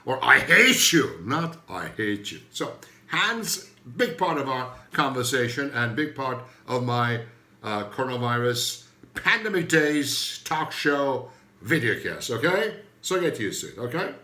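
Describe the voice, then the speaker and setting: A man's voice: medium pitch, very animated, measured pace, sharp tone, roomy sound. An older man from Turkey with a Turkish accent, a native Turkish speaker, hosting a rambling, joking comedy monologue that often loses its thread. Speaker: comedian host.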